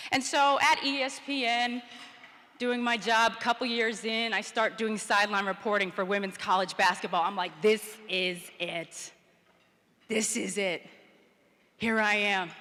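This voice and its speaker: Woman, 30s, storytelling keynote speaker, crisp bright voice, reverberant hall. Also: mid-range voice. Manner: storytelling, acts out quotes with rising energy. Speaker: public speaker. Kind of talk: motivational conference speech. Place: conference hall, indoors.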